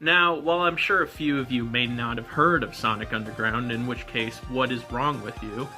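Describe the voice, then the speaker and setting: Male reviewer, bright tone, jokey running commentary over soft music. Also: medium pitch, fairly even intonation. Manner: wry, joking, quick asides. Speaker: retro game and cartoon reviewer.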